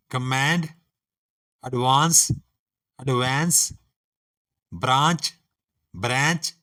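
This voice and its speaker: A man teaching English pronunciation as a lesson, reading word pairs aloud one at a time in a slow, deliberate way. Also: mid-range voice, a bit bright.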